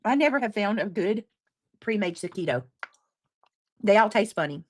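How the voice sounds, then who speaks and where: A woman's voice: mid-range voice, expressive, moderate pace, no echo. Woman, 40s, livestream host, chatty and teasing, dry close mic. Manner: chatty, teasing, chewing while talking. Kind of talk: casual livestream chat reading comments.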